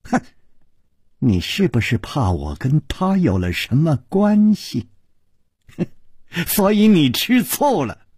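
A man voicing a coy young woman who taunts her jealous lover in soft, breathy murmurs. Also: fairly low pitch, wildly swooping pitch, takes it slowly, pauses often, dry recording, clean studio sound, pitched below the performer's own voice, full character voice. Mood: taunting.

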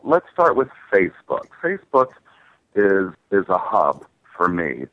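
A man with an announcer-like voice and clear diction, talking conversationally as a singer being interviewed. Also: deep voice, no room sound. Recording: narrow phone-like line.

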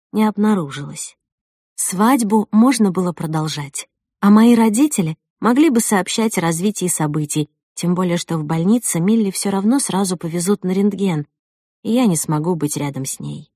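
A woman narrating a first-person audiobook in an expressive way. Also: on the low side, no echo, studio quality. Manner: expressive, rising with the drama.

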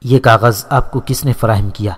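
A man's voice: medium pitch, husky, natural voice. A man voicing a young landlord's son who answers his father firmly and steadily, in a storybook reading with a long reverb. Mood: defiant. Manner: firm, steady, unshaken.

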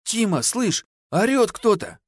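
A man's voice: sits high, expressive, a little slow, no room sound, pitched above the performer's own voice. Guy reading as a peasant woman, pleading folksy lament, dry close voice. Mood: anxious. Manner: lamenting, pleading folk speech. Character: frightened young peasant woman, sleepy then grieving.

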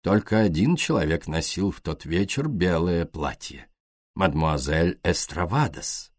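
A man voicing a shrewd, courteous foreign male detective in an audiobook, talking slowly, softly and deliberately. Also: sits low, expressive, no echo, clean studio sound, pitched below the performer's own voice. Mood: gentle, insistent. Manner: slow, soft, deliberate.

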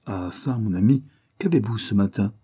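A man voicing a brisk, impatient lawyer who speaks curtly in a storybook reading. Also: on the low side, dark tone, husky. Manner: curt, impatient. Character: brisk, impatient middle-aged male lawyer.

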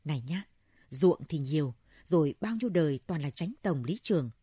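Woman doing anxious old landowner, deferential, pleading, dark voice, storybook. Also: deep voice, animated, normal speed, slightly rough, dry recording, clean studio sound. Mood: worried. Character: old wealthy landowner, anxious, respectful to monk.

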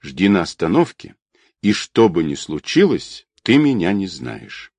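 A man's voice: low voice, big pitch swings, a little slow, darkish tone, breathy edge, dry recording, heavily acted. A man voicing a curt, guarded young man who gives short orders. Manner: curt, commanding.

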